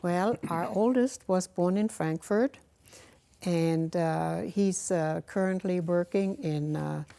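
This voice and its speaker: An older woman from Germany, married to an army officer, answering interview questions in a hesitant, halting way with many fillers, recorded on a lapel mic in a dark studio. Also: lowish voice, vocal fry. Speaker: interview guest, officer's wife.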